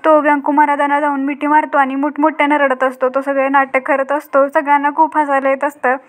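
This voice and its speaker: A woman narrating a television serial recap in a plain, steady storytelling manner. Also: high voice, a little fast, faint music behind. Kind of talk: scripted narration.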